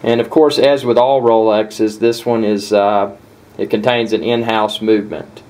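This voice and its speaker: A man giving a casual watch review, talking in a halting way with frequent filler pauses. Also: on the low side, fairly even intonation, a little mellow, low-quality recording.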